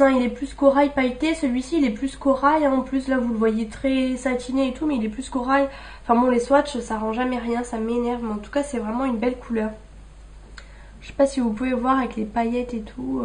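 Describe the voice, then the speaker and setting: Chatty young woman, higher voice. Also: a little mellow. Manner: chatty, thinking aloud with many fillers. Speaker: beauty vlogger. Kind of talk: casual makeup haul.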